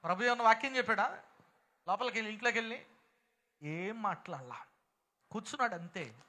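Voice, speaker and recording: Male pastor with a Telugu accent, high, bright voice, emphatic sermon delivery with call-and-response. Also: expressive, fairly quick. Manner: emphatic, calls out to congregation for responses. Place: prayer hall.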